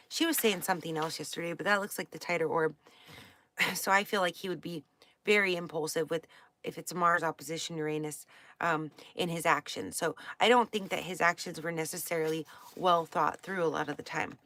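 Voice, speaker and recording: A woman with a low voice and a slight Pacific Northwest accent gives a casual astrology lesson, reading from a book and wandering off into comments full of fillers and self-corrections. She talks briskly with a fairly bright tone, and there's no room sound.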